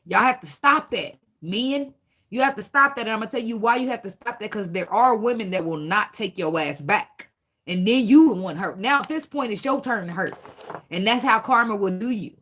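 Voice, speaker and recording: Blunt, profane woman reading tarot. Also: medium pitch. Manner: blunt, profane, preachy, animated. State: tearful, fighting back emotion. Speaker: tarot reader. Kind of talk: casual tarot reading monologue.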